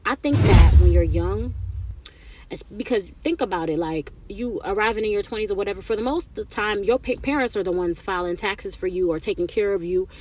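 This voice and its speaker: A woman's voice: mid-range voice, brisk, darkish tone, slight background noise. A woman in her thirties giving casual life advice to camera, chatty and repetitive, often tagging her points with "right?" or "okay?". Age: 30s. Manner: chatty, repeats herself, tags lines with "right?" and "okay?".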